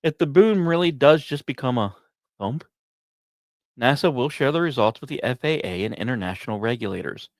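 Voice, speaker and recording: Space and science narration comes from a male podcast host whose medium-pitched voice carries lively intonation. He tells it as a dramatic story in pause-separated fragments, now and then addressing listeners directly, and the recording is dry and close with little room around him.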